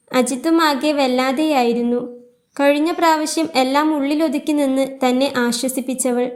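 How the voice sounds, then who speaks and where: A woman narrating a scripted story in a calm, even storytelling manner. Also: high voice.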